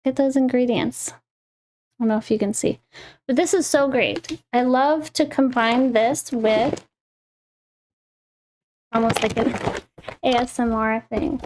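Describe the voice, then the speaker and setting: A woman's voice: fairly high pitch, fairly even intonation, a little mellow, a little hiss or hum. A young woman hosting a casual livestream, talking in a meandering way with restarts and eager enthusiasm about the food she shows. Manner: slow, meandering, restarts mid-phrase. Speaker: lifestyle host.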